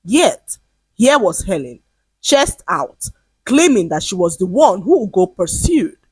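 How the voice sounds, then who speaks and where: Woman, folktale storyteller, animated, husky. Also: medium pitch, unhurried, no room sound. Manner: lively, expressive storytelling. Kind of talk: folktale narration.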